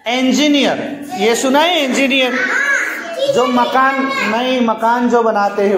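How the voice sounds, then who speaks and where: A man teaching a class of young children. He coaxes them patiently through words and sentences, repeating each one. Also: very high voice. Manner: patient, coaxing, repetitive drilling. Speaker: primary school teacher. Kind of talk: classroom lesson. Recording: echoey noisy classroom.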